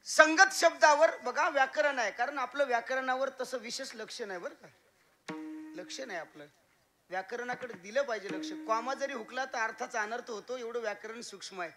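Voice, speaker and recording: Male kirtan preacher, very high and piercing bright voice, playful and teacherly. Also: a little fast. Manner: lively teacherly, asks audience questions often; humorous, playful asides. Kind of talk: devotional kirtan sermon with humor.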